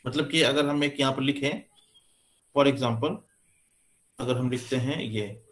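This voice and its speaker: A man giving a classroom lecture, explaining slowly with many pauses and fillers as he points to what he writes. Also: medium pitch, a bit bright. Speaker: teacher. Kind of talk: classroom lecture on English stress.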